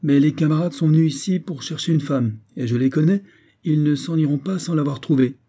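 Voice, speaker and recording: Sarcastic insolent grenadier read by a man, dark husky tone, mocking. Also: on the high side, brisk, voice pushed up, natural voice. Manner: mocking, coolly ironic.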